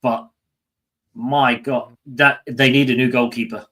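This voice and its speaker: A British man co-hosts a relaxed football chat at a mid-range pitch. He talks in a chatty way, laughs often and lets his sentences trail off. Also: unhurried. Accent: British English. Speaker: podcast co-host.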